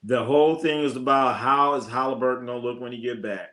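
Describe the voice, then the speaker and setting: In a mid-range, bright voice, an American streamer talks sports a little fast, keeping his tone steady but forceful. The chat is slangy and opinionated, with plenty of blunt calls and repeated phrases for emphasis.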